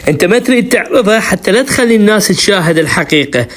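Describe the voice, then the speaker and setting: Fast-talking man. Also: high voice, lively intonation, fairly bright tone. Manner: insistent, pleading for a chance to answer. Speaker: caller in a debate. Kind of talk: heated religious debate.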